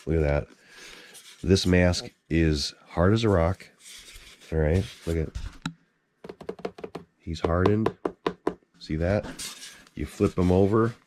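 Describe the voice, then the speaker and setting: Blunt, swearing man with a low voice. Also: slow pace, long pauses, noisy background. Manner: blunt, swears freely, exasperated. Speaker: mask collector. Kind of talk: casual vlog ranting.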